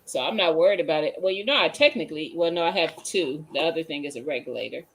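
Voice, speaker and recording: A woman's voice: low voice, lively intonation, fast talker, slight background noise. Chatty woman hosting a live canning stream. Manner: chatty, greets viewers by name, searches while talking. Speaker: livestream host. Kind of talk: casual livestream chat.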